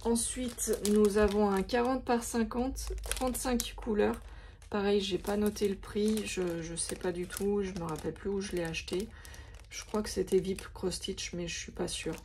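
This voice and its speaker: A woman vlogger gives a casual, hesitant show-and-tell of her craft supplies, full of fillers. Her mid-range voice is darkish, with fairly even intonation and a moderate pace, and the audio has a slight hiss or hum.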